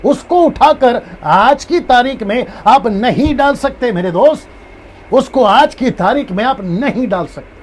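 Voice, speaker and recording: A man's voice: extremely high pitch, measured pace, slight background noise. A man, a pastor, giving a live-streamed Bible lesson who repeats his points and acts out different tones of voice. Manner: repeats key points, animated with acted tones.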